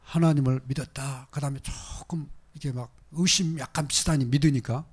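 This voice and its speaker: A man preaching a sermon as pastor, moving between loud exhortation and hushed asides. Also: mid-range voice, fairly even intonation, a little fast, slightly rough.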